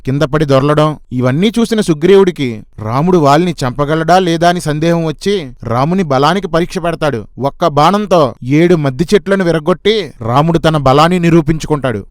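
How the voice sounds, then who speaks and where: A man's voice: fairly high pitch, no echo, clean studio sound. A man with a Telugu accent retelling an old epic in a mocking, satirical narration, full of jeering asides.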